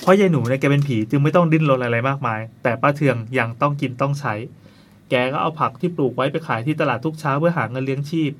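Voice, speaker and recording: Fast-talking male storyteller. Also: mid-range voice. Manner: chatty, with playful asides to a co-host. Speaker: storyteller host. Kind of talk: casual ghost story narration.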